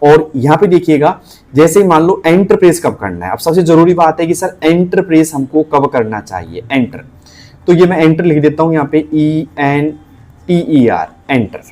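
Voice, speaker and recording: Male tutor, Rajasthani Hindi accent, casual teaching delivery, slightly higher voice, spells letters out slowly. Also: expressive, warm tone. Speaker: typing tutor.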